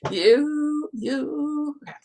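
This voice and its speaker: A woman songwriter recording her own vocals, talking softly and directing herself between takes. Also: high-pitched. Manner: soft-spoken, unhurried, self-directing. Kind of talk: casual studio work talk.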